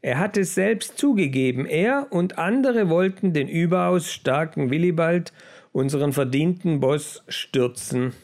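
A man voicing a sly, clever male mouse who mocks and shouts orders with a piercing voice and a rolled R. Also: fairly high pitch, expressive, slow, hardly any pauses. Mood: commanding, mocking.

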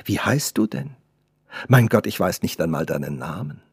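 A man reading the part of a shy young woman in love, speaking softly, almost in a whisper. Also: low voice, very animated, moderate pace, slightly rough, no room sound, studio quality, exaggerated voice. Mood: playful. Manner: soft, hushed, near whispering.

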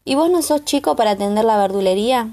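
A woman reading the part of a quiet, soft-spoken teenage girl, blunt in her answers, with a Rioplatense Spanish accent. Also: fairly high pitch, expressive, fast talker. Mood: retorting.

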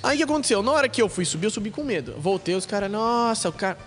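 A Brazilian man with a high voice talks at a brisk clip as a podcast guest. He tells his story in an animated, casual way, swears freely and slips into the voices of the people he quotes. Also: faint music behind. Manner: animated, profane, quick-talking; acts out other people's lines.

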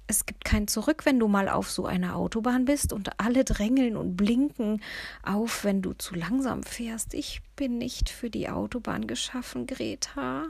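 A woman's voice: gravelly, husky, no room sound, exaggerated voice. A woman voicing a cheerful, fussy 79-year-old lady who is a nervous driver, in an audiobook. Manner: chirpy, exclaiming, higher than the narration.

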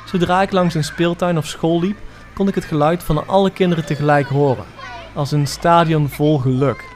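A man reading a dramatic first-person horror story for a podcast, measured and tense. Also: fairly high pitch, fairly even intonation, soft background music. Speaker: podcast narrator. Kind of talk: scripted horror story narration.

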